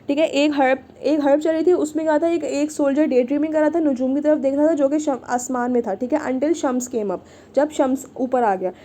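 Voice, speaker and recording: A woman's voice: sits high, mellow. A woman teaching an online Arabic class, patiently repeating and checking in with her students. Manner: patient, repeats "ठीक है" often.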